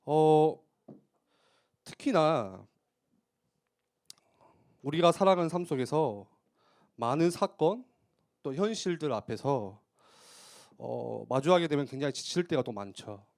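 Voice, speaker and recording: A male youth pastor delivers a sermon in church with a somewhat high, very animated voice that rises and falls widely. He talks in a conversational way and keeps posing rhetorical questions. He breaks up his points with brisk little affirmations. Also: gravelly.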